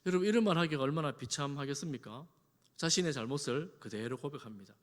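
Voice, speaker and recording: A man's voice: on the high side, quick pace. A male pastor preaching a sermon, dramatically acting out quoted lines with a raised voice. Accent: Korean. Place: large church hall. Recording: long church hall reverb.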